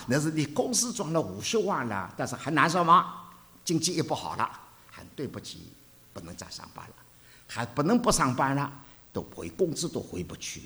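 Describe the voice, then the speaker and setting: An older male preacher gives a sermon. His pitch leaps and falls widely, and he moves from loud to hushed as he tells stories. The delivery is very lively. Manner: animated storytelling with sharp swings between loud and hushed.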